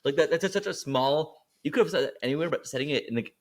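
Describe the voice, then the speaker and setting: A man's voice: a little high, fast. A man who makes films, a guest co-host talking casually and thoughtfully about filmmaking craft. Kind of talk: casual film discussion.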